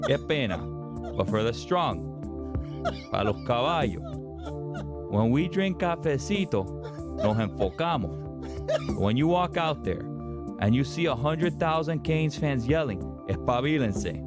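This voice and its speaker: A man playing a brash, hyped-up young Miami superfan with a Cuban-American accent, delivering a booming, dramatic motivational speech in slangy Spanglish over music. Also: sing-song, measured pace, pauses often. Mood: fired-up, defiant. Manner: emphatic, dramatic build-ups, slangy Spanglish. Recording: background music under the voice.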